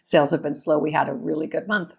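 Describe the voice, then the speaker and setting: A woman's voice: sits low, steady tone, fast, creaky, slightly rough. A middle-aged woman chatting casually as a podcast co-host. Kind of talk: casual chat. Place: remote, in an old stone cellar described as a cave.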